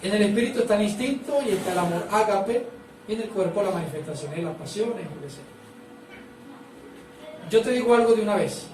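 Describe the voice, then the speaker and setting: A man's voice: high-pitched, animated, brisk, pauses often, a little mellow, echoey room, recorded from a distance, a little hiss or hum, low-quality recording. A man preaching a sermon as pastor, prompting the congregation to repeat phrases back to him.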